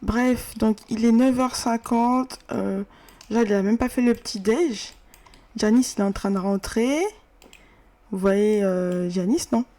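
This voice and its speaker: A woman's voice: fairly high pitch, a little slow, dark tone. A woman casually narrating a life-simulation playthrough in a slangy, chatty way with many fillers. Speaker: game narrator. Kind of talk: casual let's-play narration.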